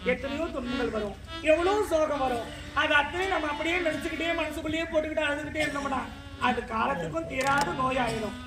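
A performer in a stage drama playing a remorseful woman who comforts and confesses in declamatory lines. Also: high voice. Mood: consoling. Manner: consoling, then guilt-ridden and declamatory. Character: remorseful woman who took another's baby. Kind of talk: Tamil stage drama acting. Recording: echoey distant stage recording with music.

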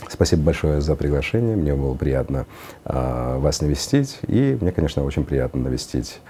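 A man's voice: a bass voice, big pitch swings, normal speed, warm tone, slightly rough. A middle-aged man, giving a conversational studio interview in hesitant phrases with some English words slipped in. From Uzbekistan. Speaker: interview guest, car designer. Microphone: lapel.

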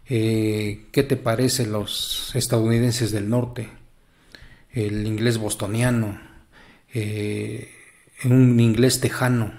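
A man's voice: medium pitch, a little mellow. A man with a Mexican Spanish accent gives a casual English grammar lesson, chatty and encouraging, with many fillers. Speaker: English teacher.

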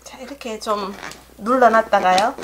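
A woman's voice: a little high, moderate pace, background noise. Middle-aged Gyeongsang-accented woman, cooking host, chatty step-by-step kitchen talk, faint pots clinking behind. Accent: Gyeongsang Korean. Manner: chatty, homey step-by-step instructions. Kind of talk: home cooking demonstration. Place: home kitchen. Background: clinking dishes and pots.

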